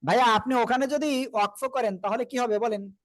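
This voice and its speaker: A man's voice: very high-pitched, a little fast, no echo. A man teaching Quran recitation to an online class, patient, drilling pronunciation and asking everyone to repeat together.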